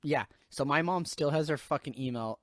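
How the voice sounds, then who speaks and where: In a dry, clean studio recording, a young man hosts a podcast with a slightly high voice at normal speed. His casual chat rambles, packed with swearing and filler words.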